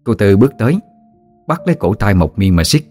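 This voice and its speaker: Low-voiced storyteller. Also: male voice, sing-song, a little fast, warm tone, faint music behind. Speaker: audiobook narrator. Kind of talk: scripted ghost story narration.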